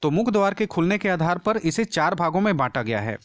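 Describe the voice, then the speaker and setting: A man teaching an exam-prep lesson, explaining step by step, checking in often and repeating key terms slowly for emphasis. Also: high voice, very animated, no room sound. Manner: explains step by step with frequent "ठीक है" check-ins.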